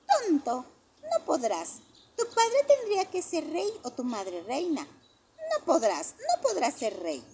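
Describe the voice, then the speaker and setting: Shrill, mocking little kids. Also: female voice, huge pitch swings, slow pace, darkish tone, slight background noise, full character voice. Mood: teasing. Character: teasing group of small kindergarten children.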